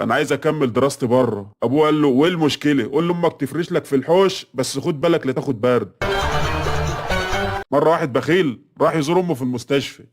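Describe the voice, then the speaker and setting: A man with an Egyptian Arabic accent rattles off one-liner jokes at a quick clip, in a flat, scripted read. His voice sits at an ordinary middle pitch, close to the mic. Loud music plays under the voice-over. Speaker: joke teller. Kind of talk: scripted joke reading.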